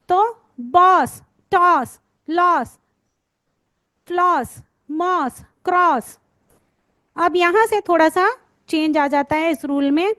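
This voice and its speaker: A woman's voice: extremely high pitch, a bit bright, no room sound. A woman teaching phonics, patiently sounding out letters and words and checking in with her students. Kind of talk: spoken lesson, sounding out words.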